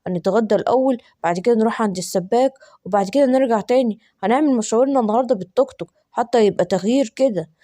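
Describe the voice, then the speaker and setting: A woman voicing a bossy, hot-headed father lion, speaking in a lowered, gruff, blustering way with an Egyptian accent. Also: rapid-fire, warm tone, no echo, clean studio sound, natural voice. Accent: Egyptian Arabic.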